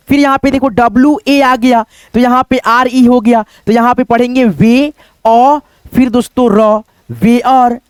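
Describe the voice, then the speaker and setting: High-voiced man spelling out words. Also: clean tone, dry recording. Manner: spells words out letter by letter, keeps asking "दोस्तों". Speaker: English teacher. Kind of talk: spoken lesson.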